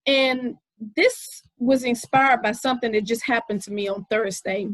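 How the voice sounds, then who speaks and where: A woman's voice: a little high, moderate pace, no room sound, poor audio. Chatty woman podcast host, dry sound. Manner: storytelling, conversational with many fillers. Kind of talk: casual inspirational talk.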